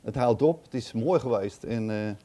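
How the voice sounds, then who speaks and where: A man's voice: medium pitch, normal speed, warm tone. A man reading a Bible passage aloud and commenting on it casually, thinking aloud with hesitant, chatty asides. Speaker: Bible teacher.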